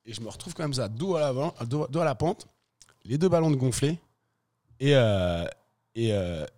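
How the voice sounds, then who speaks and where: A man, a professional freeride skier, telling a story in a casual interview, slangy and animated, acting out the scenes as he goes. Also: mid-range voice, moderate pace.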